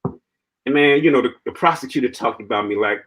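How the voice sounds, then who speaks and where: A man as an interview guest, telling his own story in an animated way, laughing often and filling his talk with "man" and "you know.". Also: mid-range voice, a little fast, husky, low-quality recording. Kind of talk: personal storytelling in conversation.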